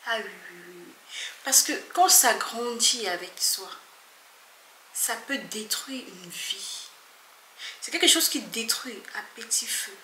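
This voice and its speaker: A woman vlogger talks earnestly to her viewers, emphatic and often hushed. Her voice is bright and clear, and the room around it is echoey. A faint noise sits behind her. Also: mid-range voice, animated, takes it slowly. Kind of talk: earnest talk to camera.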